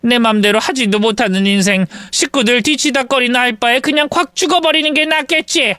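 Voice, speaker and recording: A man putting on a shrill, nagging old mother-in-law. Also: big pitch swings, unhurried, sharp tone, clean tone, dry recording, clean studio sound, exaggerated voice. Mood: wailing. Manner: shrill, self-pitying wailing. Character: bitter, domineering older mother-in-law.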